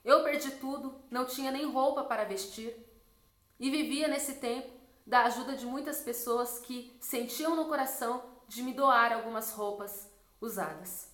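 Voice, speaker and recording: A woman's voice: normal speed, echoey room. A woman in her twenties, a missionary, telling her personal testimony in an earnest storytelling way. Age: 20s. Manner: earnest storytelling, drops soft and low when quoting God.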